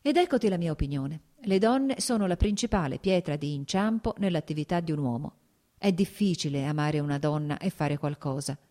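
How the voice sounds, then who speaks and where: Audiobook: woman voicing a smooth-talking married officer, measured and persuasive. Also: low-pitched, warm tone, lightly acted.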